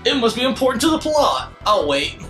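A man with a high voice and lively pitch, teasing casually as a gaming co-host. He talks in slang over game music. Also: brisk. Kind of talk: casual teasing let's play commentary. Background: video game music.

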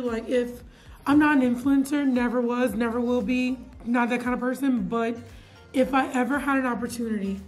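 A young woman, a teacher chatting casually to camera in her classroom, animated and full of fillers. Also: fairly high pitch. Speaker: middle school science teacher. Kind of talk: casual vlog chat. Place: classroom, indoors.

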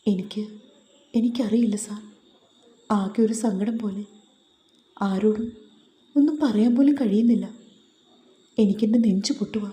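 A woman voicing an anxious, tearful young office worker who speaks in halting, broken-off phrases. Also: medium pitch, dark tone, lightly acted. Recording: roomy echo.

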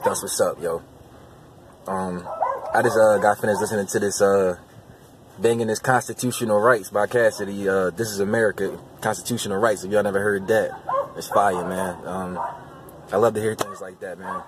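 A young man giving casual commentary to his viewers, with loose, repetitive slang, getting louder and higher as he argues. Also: fairly even intonation, moderate pace, crowd noise. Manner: loose, repetitive slang, rising heat when arguing. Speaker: vlogger.

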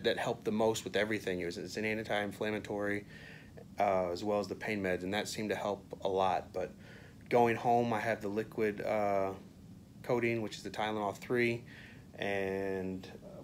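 A man in his thirties giving a casual, conversational video update to camera, speaking haltingly into a phone at arm's length. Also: on the low side, fairly even intonation. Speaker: vlogger, patient. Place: small hospital room, indoors. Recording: phone audio with faint room noise.

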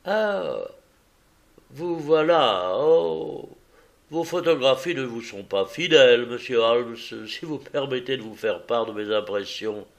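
A brusque, touchy middle-aged foreign visitor, as a male narrator puts him on. He talks loud, raised and pushy, with a hint of suspicion, unhurried in a storybook reading. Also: mid-range voice, lively intonation, gravelly, voice pushed up. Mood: insistent. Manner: loud, insistent, slightly suspicious.

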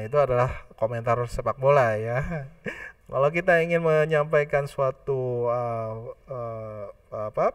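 A man with an Indonesian accent teaches a class, slipping English phrases into his explanations and pausing often on fillers. The sound is dry, and he sits some distance from the microphone. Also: medium pitch, dry recording. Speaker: lecturer. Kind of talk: online class lecture.

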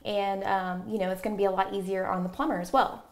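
A woman in her forties explains plumbing fixtures for a TV segment, confident and chatty. She pauses with fillers as she goes, and her voice sits at a medium pitch. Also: flat delivery. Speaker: plumbing supply rep. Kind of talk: product explanation in a TV interview. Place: inside a home bathroom.

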